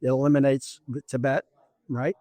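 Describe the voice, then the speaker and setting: A man's voice: medium pitch, level tone, moderate pace, warm tone, dry recording. A man speaking as a political candidate in a casual interview, emphatic and rambling, with frequent restarts.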